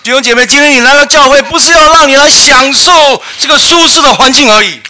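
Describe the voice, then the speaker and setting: A man's voice: very high voice, fast, sharp tone. A man preaching a fervent sermon into a pulpit microphone in a church. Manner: fervent preaching with rhetorical questions. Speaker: pastor.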